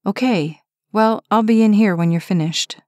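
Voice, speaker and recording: A tired, guarded young woman answers softly and evasively in an audiobook romance, as a woman reads her. Her voice is at a middle pitch. The recording is close and dry. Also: normal speed, no echo, close to an everyday voice. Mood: weary. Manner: soft, evasive. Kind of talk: audiobook character reading.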